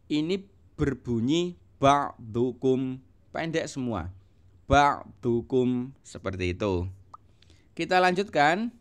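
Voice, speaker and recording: A man teaching children to recite a religious text, spelling out each word, stressing its sounds and repeating it. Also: mid-range voice. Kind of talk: slow recitation lesson for children.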